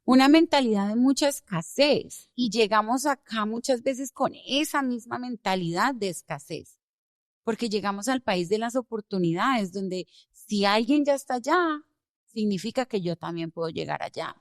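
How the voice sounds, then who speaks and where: A woman's voice: a little high, moderate pace, no echo, studio quality. Emphatic woman, lawyer from Colombia. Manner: animated, emphatic storytelling. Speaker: immigration lawyer, guest. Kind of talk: podcast interview.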